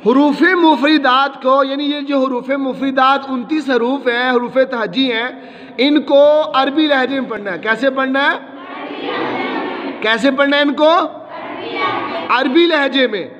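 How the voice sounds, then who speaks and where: Brief: male Quran teacher, very high voice, quizzing a class in an echoey hall. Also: fairly bright tone. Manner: drilling, asks and repeats questions. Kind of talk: classroom recitation lesson. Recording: echoey hall, dull lo-fi sound, class crowd.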